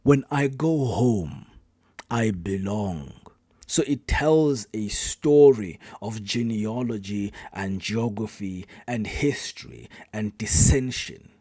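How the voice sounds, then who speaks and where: Male poet-host, warm dark tone, dry close sound, breaks down a poem in a measured way. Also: on the low side, slightly rough, no echo. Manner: thoughtful, analytical, trails off quietly at ends of thoughts. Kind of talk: reaction commentary.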